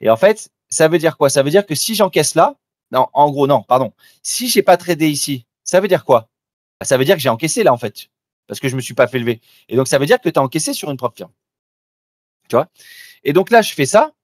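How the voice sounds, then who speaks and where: A man's voice: a little high, animated, a little fast, no echo, clean studio sound. A man doing live trading commentary, talking informally and directly to the listener with frequent restarts. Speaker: trader presenting a live trading demo.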